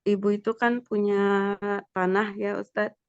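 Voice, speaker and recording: A woman student halting through a question in an online class, her audio choppy and breaking up. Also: mid-range voice, little pitch movement, background noise. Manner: halting, full of pauses and filler sounds. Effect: choppy, breaking-up online call audio. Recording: dull lo-fi online call audio.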